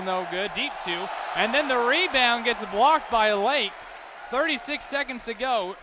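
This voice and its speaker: A high-pitched American man calls live basketball play-by-play from courtside in a large arena, giving a detailed, running description of the action. Loud crowd and arena noise fill the background.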